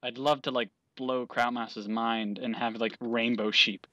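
A man's voice: mid-range voice, steady tone, unhurried, pushed and bright, no echo, highs cut off. A young man in casual gaming chat, explaining things to a beginner in an easygoing, rambling way that trails off mid-sentence. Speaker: gamer teaching a beginner.

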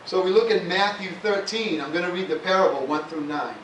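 A man's voice: sits high, a little fast, a bit bright. A male pastor giving a conversational sermon, often adding "amen" and "hallelujah" between points. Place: church sanctuary. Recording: echoey church room, voice from far off, faint hiss.

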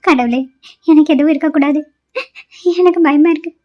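High voiced young wife in a cartoon, teary and begging, a woman doing it. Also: steady tone, a little fast, darkish tone, lightly acted. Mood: frightened. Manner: pleading, apologetic, tearful. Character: young newlywed wife, frightened and tearful. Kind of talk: cartoon voice acting.

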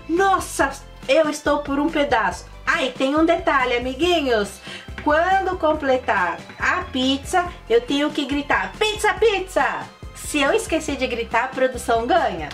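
A woman hosting a children's channel, playing a board game in an excitable, sing-song presenter way with lots of exclaiming. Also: high-pitched, takes it slowly. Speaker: kids' channel host. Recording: voice a bit far from the mic, faint music.

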